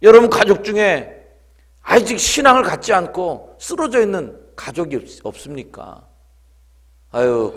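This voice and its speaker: A man's voice: medium pitch, creaky, husky. A middle-aged man, a pastor preaching at a revival meeting, telling stories and making emphatic appeals. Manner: emphatic storytelling, rising to impassioned appeals. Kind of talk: revival sermon.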